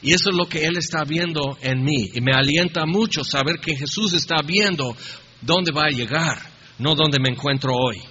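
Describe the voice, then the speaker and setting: A man preaches in a loose, conversational way and slips in humorous asides. His voice sits high and sounds bright and forceful. The recording is a little dull and carries a long, echoing reverb from a church hall, with a faint hiss underneath. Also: normal speed. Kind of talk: sermon.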